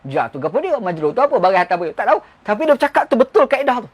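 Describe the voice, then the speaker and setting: A man's voice: sits high, big pitch swings, rapid-fire. A man with a Malaysian Malay accent giving a religious lecture, explaining with stories and rhetorical questions. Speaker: religious teacher.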